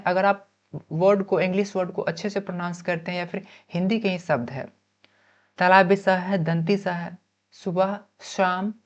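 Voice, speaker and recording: Woman teaching in a muffled lecture. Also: medium pitch. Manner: explains by asking and answering her own questions, with frequent "ठीक है" check-ins; mixes in English terms and spells words out letter by letter. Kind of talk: exam-prep lecture.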